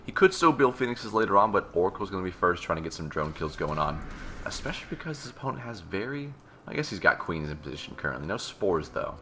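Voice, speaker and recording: A man's voice: low-pitched, very animated, quick pace, sharp tone, a little hiss or hum. A man giving joking play-by-play commentary on a strategy video game match. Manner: joking, banters with co-caster. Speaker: esports caster.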